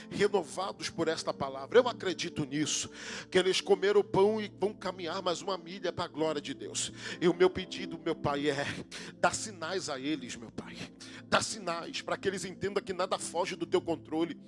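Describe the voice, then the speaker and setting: A Brazilian man preaching as a pastor in a church, building from low storytelling to shouted preaching, then praying. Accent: Brazilian Portuguese. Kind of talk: Pentecostal sermon and prayer. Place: church sanctuary.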